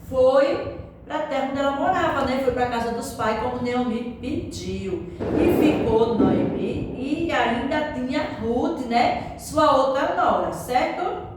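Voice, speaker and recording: A woman with a Brazilian Portuguese accent, teaching a Bible story to young children in a slow, sing-song way, often turning to the child with drawn-out tag questions. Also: sits high. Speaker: Sunday school teacher. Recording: echoey room, far from mic, faint background noise.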